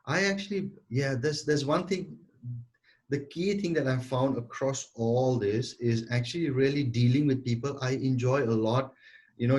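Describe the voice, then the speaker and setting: A man in his forties, an entrepreneur and sales coach, answers interview questions earnestly as a guest over a remote call. His voice is medium-pitched with a darkish tone, and he often repeats and restarts words.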